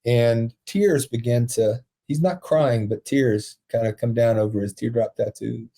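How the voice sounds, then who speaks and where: A man telling a heartfelt story as a podcast guest, earnest and emotional, with soft laughs. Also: mid-range voice, fairly even intonation, a little slow, vocal fry. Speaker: podcast guest, prison ministry founder.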